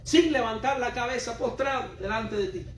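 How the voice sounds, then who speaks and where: High-voiced preacher in a roomy hall. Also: male voice, normal speed, fairly bright tone, recorded from a distance, slight background noise. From Cuba. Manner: emphatic and repetitive, questions the congregation directly. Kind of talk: sermon. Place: church hall.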